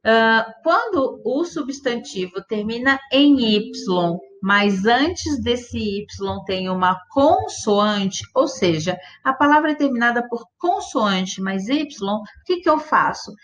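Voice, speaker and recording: A woman teaching an English grammar lesson, explaining patiently step by step, checking that students follow and slowing down to spell out example words. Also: on the high side, expressive, fairly bright tone. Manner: patient, step-by-step, checks understanding with "tudo bem?" and "certo?". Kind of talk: classroom-style grammar explanation.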